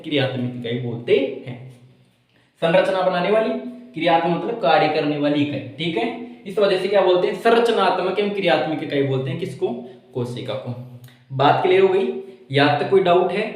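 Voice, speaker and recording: A man with a high voice gives a school science lecture. He is playful and keeps asking his class questions that he answers himself. The recording carries a heavy room echo. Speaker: teacher. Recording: very echoey room.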